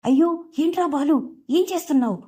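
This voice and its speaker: A woman voicing a sharp-tongued older mother scolding her son. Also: fairly high pitch, normal speed, natural voice.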